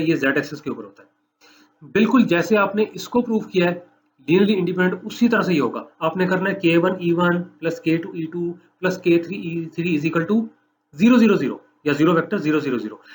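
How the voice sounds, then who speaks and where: A man giving a recorded mathematics lecture, walking students through each step, repeating points and dictating slowly for notes. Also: high voice. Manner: explanatory, repeats steps, dictates slowly for note-taking. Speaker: math lecturer.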